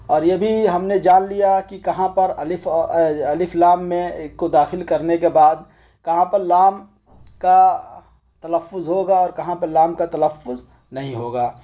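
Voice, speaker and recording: A man's voice: sits high, fairly even intonation, warm tone. A man with a Pakistani Urdu accent, teaching a recorded language lesson. He explains patiently, step by step, and spells out letters one by one.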